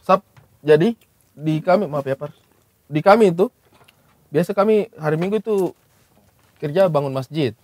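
A man's voice: a little high, moderate pace, pauses often, darkish tone. Teasing man from Baubau in casual chat. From Baubau, Southeast Sulawesi. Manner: teasing, jumps in to correct and joke. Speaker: podcast co-host. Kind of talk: casual chat among friends.

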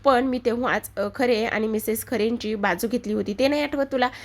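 A woman's voice: on the high side, fairly quick. A woman voicing a boastful young husband who argues back with his wife. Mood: bickering. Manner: argumentative, boastful.

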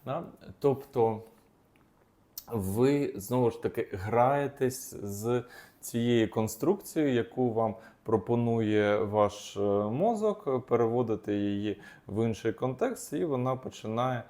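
A male psychologist explains techniques off the cuff in a warm, mid-range voice with lively intonation, taking it slowly. It's unscripted, full of hesitations and restarts.

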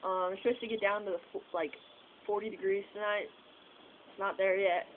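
A woman's voice: mid-range voice, steady tone, a little fast. Young woman, casual vlog, rambling, fillers, tinny phone sound, some background noise. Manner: rambling, filler-heavy, swearing. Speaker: vlogger. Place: outdoors at night by a house porch. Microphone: phone camera set far away.

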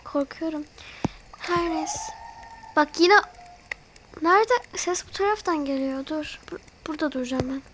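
A woman's voice: high voice, moderate pace, a little hiss or hum. A woman hosting her channel, chatty and easily frightened, talking straight to her viewers while she voices a role-play over a mobile game. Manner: easily frightened, gasping and fretting. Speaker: channel host.

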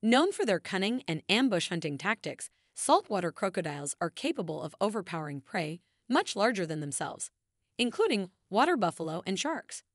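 Woman narrating a nature documentary, lively intonation. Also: mid-range voice, normal speed, dry recording, studio quality.

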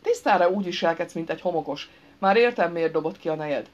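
A woman's voice: on the low side, lively intonation, natural voice. A woman voicing a desperate, indignant man with injured hands, pleading in a raised, whiny voice. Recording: dull lo-fi recording.

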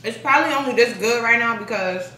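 A woman's voice: on the high side, quick pace, pushed and bright, a little hiss or hum. A young woman vlogger chatting casually while she eats, saying "like" constantly. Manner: chatty, heavy use of "like", talks while eating. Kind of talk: casual mukbang chat. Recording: echoey room, mic at a distance.

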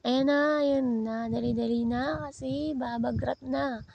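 A woman's voice: high-pitched, fairly even intonation, a little slow, gravelly, dull audio, a little hiss or hum. A woman from Bicol narrating her vlog in a chatty, playful, self-mocking way. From Bicol, Philippines. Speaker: vlogger. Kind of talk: casual vlog voice-over narration.

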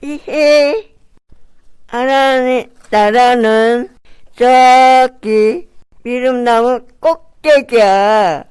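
A woman playing a small, friendly ladybug in a children's shadow play, with drawn-out storybook speech and a wistful air. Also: fairly high pitch, a little mellow, clear, resonant tone, no room sound.

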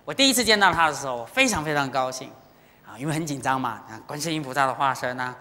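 Talking fast in a mid-range voice, a Buddhist teacher preaches a temple sermon with swooping expressiveness and a bright, forceful tone. The talk leans on emotional storytelling and direct appeals to the audience, echoing with long hall reverb.

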